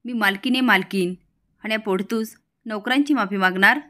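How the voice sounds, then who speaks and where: A woman's voice: medium pitch, moderate pace, pushed and bright, natural voice. Casual: a woman doing a snooty young rich lady, scolding and rude. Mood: scornful. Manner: scolding, insulting.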